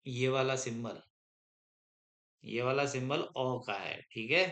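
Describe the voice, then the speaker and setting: A man's voice: mid-range voice, bright, forceful tone. A man teaching a grammar lesson to a class, dictating notes, repeating each point and often stopping to check that students understand. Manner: slow, repetitive, keeps checking understanding.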